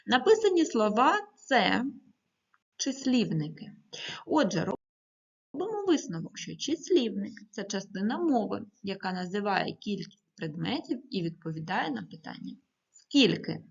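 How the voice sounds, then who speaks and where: A woman teaching primary school children in a recorded video lesson, speaking clearly and patiently and giving careful stress to each number as she reads aloud. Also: medium pitch, sing-song, moderate pace, highs cut off.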